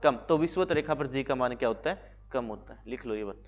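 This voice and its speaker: A man's voice: medium pitch, fairly quick. A male physics teacher with a Haryanvi Hindi accent, lecturing a classroom and constantly asking questions he then answers himself. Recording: slightly dull lo-fi recording.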